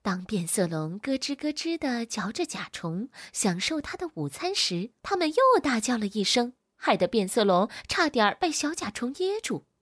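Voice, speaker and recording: A woman reading a children's storybook aloud in an expressive, animated way. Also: a little high, moderate pace, few pauses, dry recording, clean studio sound.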